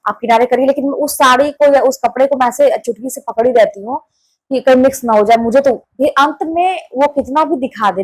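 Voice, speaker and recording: A woman's voice: a little high, darkish tone, husky, dry recording, low-quality recording. A woman giving an earnest, insistent motivational talk to her channel's viewers, repeating her points for emphasis. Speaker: motivational YouTuber. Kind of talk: casual motivational talk to camera.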